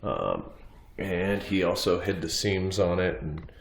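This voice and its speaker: A man with a stuffed-up cold, casually showing off his collection in a home vlog, talking in a relaxed way with lots of ums and uhs. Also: deep voice, slow, creaky, slight background noise. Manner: relaxed, hesitant, many fillers. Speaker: mask collector. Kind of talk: casual show-and-tell vlog. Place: small bathroom at home. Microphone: phone camera. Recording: echoey small room.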